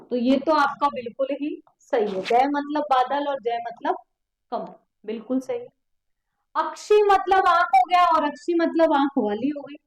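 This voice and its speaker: A woman coaches exam students through practice questions, repeating key terms and posing questions back to them. Her voice sits high, and she takes her time. The room around her echoes noticeably. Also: a little hiss or hum. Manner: explains step by step, repeats key words, quizzes students with questions. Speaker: exam prep teacher. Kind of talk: online exam coaching lesson.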